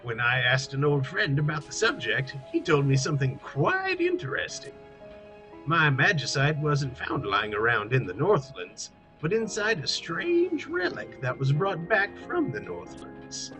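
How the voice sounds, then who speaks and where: A man's voice: a little high, wildly swooping pitch, unhurried, music in the background, voice pushed up, poor audio. Man putting on a folksy old prospector engineer. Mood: curious, eager.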